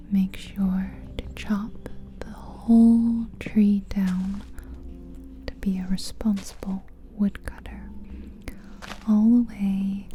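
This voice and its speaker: A woman with a mid-range voice whispers gently, breathy and soothing in ASMR style, as she narrates a relaxing guided visualization with long, unhurried pauses. It's soft-spoken ASMR content captured on a close-up, ear-to-ear ASMR microphone.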